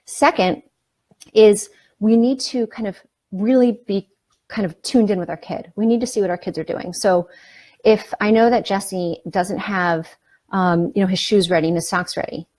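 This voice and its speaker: A woman's voice: medium pitch, moderate pace, a little mellow. A middle-aged woman coaching parents in a casual, conversational talk, often checking in with "right?" and "you know".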